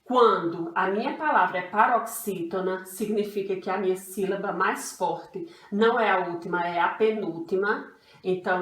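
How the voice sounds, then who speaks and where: Slow, patient Brazilian woman teacher. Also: medium pitch. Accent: Brazilian Portuguese. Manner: patient, refers to herself as "tia", repeats rules slowly. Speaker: primary school teacher. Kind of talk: online grammar lesson for children. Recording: echoey room, voice from a distance.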